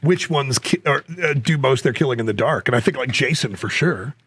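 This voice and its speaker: A man's voice: medium pitch, animated, a little fast, a bit bright, husky, no room sound. A man co-hosting a casual podcast, joking and rambling, then plugging gear sales into a close mic. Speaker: podcast co-host. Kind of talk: casual chat.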